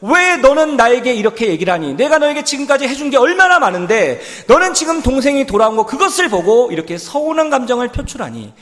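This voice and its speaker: A male preacher voicing a gentle, earnest old father who coaxes and pleads with his son during a sermon. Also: fairly high pitch, sing-song, slow pace. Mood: pleading. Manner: coaxing, earnest. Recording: long church reverb.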